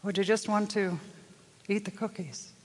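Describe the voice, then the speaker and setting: A woman's voice: mid-range voice, fairly even intonation, normal speed, breathy edge. An older woman telling a story in a sermon as a preacher, acting out the voices in it with lots of animation. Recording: long hall reverb.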